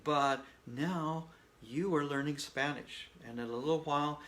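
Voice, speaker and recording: A man whose first language is English teaches a casual spoken Spanish lesson, patient and folksy, frequently checking in with "okay?". His voice is a little high and fairly bright, and he speaks unhurriedly.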